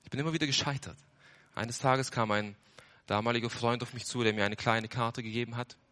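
A man's voice: fairly even intonation, fairly quick. Earnest young man preaching a testimony. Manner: earnest, swings between loud surges and hushed lows; repeats phrases for emphasis. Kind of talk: sermon testimony.

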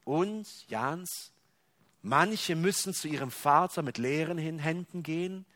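A gentle elderly father speaks softly as he breaks hard news to his family, voiced by a male preacher reading from a book. The delivery is calm and tender, in an everyday reading voice. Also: on the high side, takes it slowly. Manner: soft, gentle.

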